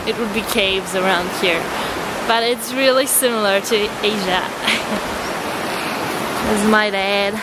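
A young woman chatting excitedly on a hiking trip, filming herself at arm's length outdoors by a stream. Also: medium pitch, measured pace, long pauses, heavy background noise. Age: young adult. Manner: chatty and excited, laughing often. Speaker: travel vlogger. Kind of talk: casual travel vlog. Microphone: camera phone held at arm's length.

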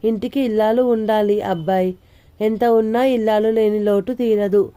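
A woman's voice: medium pitch, fairly even intonation, moderate pace, mellow, natural voice. A woman voicing a prying older male neighbor who lectures in a fatherly, preachy way, in an audio novel. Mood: lecturing.

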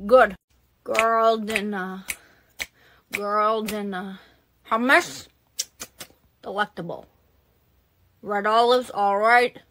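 Comedy skit: a woman doing a stubborn old lady who whines and drawls slowly, high and bright. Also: lively intonation, background noise. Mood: cranky. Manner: cranky, whiny, slow drawl. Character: cranky, stubborn elderly woman in a nursing home.

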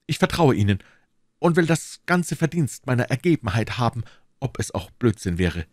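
A man's voice: mid-range voice, very animated, normal speed, no room sound, studio quality, voice pushed up. A man reading aloud and voicing an impulsive young nobleman in love, earnest and heartfelt. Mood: ardent. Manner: earnest, heartfelt, rising to emphasis. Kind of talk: audiobook reading.

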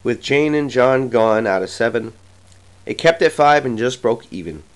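A man reciting a comic verse poem with a slow, theatrical, rhythmic delivery. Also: mid-range voice, expressive, poor audio. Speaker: poetry reader. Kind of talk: dramatic poetry recitation.

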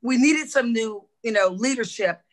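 A middle-aged woman, a former football coach, telling stories in a podcast interview, lively and swearing freely as she acts out quotes. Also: a little high, normal speed, low-quality recording. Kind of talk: animated storytelling in a podcast interview.

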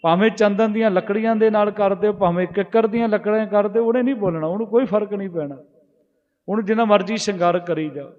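A high-voiced male preacher who stretches out the verses he recites before explaining them in everyday talk. The sound is dull and muffled, and a long reverb trails after each phrase. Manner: slow, drawn-out recitation of verses between plain explanation; addresses listeners directly with questions. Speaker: Sikh preacher giving scripture commentary. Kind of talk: sermon with chanted scripture lines.

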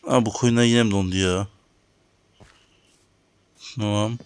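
A man's voice: lowish voice, fairly even intonation, unhurried, smooth, dry recording. A man giving casual commentary on his own game, talking to viewers and grumbling about lag. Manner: talks to viewers while playing, grumbling at lag. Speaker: gaming channel host. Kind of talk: casual let's-play commentary.

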